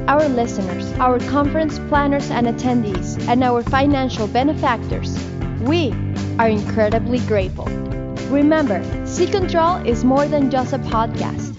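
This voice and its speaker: Upbeat female announcer, slightly high voice, scripted promo read over a loud music bed. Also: muffled recording.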